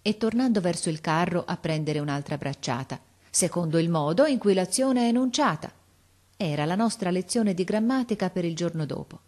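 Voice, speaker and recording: A woman reading a story aloud in a calm, measured storytelling manner. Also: on the low side. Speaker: narrator. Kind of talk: scripted narration.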